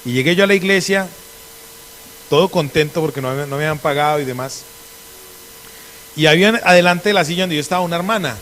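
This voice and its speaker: A middle-aged pastor, a man from Colombia with an Antioquian accent, preaching a lively sermon and acting out conversations in different voices. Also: on the high side, quick pace, pauses often, slight background noise. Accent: Antioquian Colombian Spanish.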